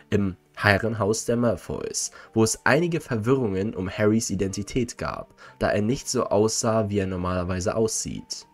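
A low-pitched man gives scripted narration in a measured, analytical tone. Faint background music plays beneath his voice. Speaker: lore video narrator.

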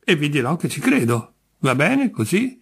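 A man's voice: fairly high pitch, very animated, moderate pace, vocal fry, breathy edge, voice pushed up, exaggerated voice. A man doing a patient, weary judge. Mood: coaxing. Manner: coaxing, reasonable, mildly exasperated. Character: patient, wearily kind male judge.

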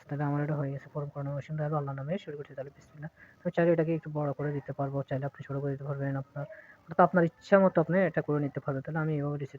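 A man walking viewers through an app step by step in a casual tutorial, with many hesitant fillers. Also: fairly high pitch. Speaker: tutorial presenter. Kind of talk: casual screen-recorded tutorial. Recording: tinny phone-like sound.

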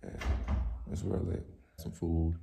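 A man's voice: deep voice, flat delivery, slow pace, creaky. Young man, laid-back slangy vlog chat. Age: young adult. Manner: laid-back slangy talk, drifting soft and reflective. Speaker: vlogger. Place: quiet indoor room, an old church. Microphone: phone camera held close.

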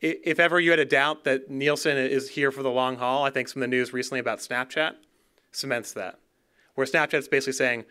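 Keynote speaker, male, 30s: bright, crisp voice, fluent and conversational at a podium mic. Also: medium pitch, steady tone, a little fast. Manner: fluent, conversational, repeats words at restarts. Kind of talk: conference keynote talk. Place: dark auditorium stage. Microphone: podium gooseneck mic.

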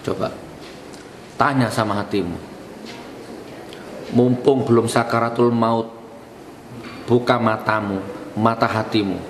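A man's voice: mid-range voice, steady tone, takes it slowly, pauses often, a little hiss or hum. A male preacher, giving a fiery, mocking sermon that rises into outbursts. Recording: echoey hall with faint ambience.

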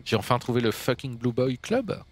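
A man's voice: mid-range voice, sing-song, moderate pace, a little hiss or hum. A man hosting a let's play, commenting casually on his gameplay with jokes and reading the game's lines aloud. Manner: joking, reads game dialogue aloud in French.

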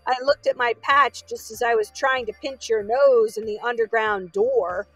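A woman's voice: on the high side, normal speed, husky, dry recording, faint music behind, poor audio. Fussy chattering potato, as a woman puts it on. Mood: insistent.

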